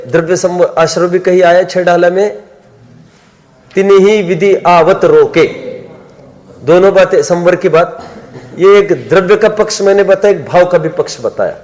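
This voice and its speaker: Man, scripture teacher, quizzes the class and chants verses slowly; fairly high voice, echoing hall. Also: darkish tone.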